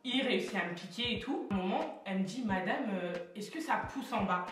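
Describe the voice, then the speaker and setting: A woman's voice: medium pitch, lively intonation, a little fast, recorded from a distance, faint music behind. A young woman telling a story casually and animatedly, acting out the dialogue with plenty of slang. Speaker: vlogger telling her birth story. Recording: echoey room, voice from off-mic.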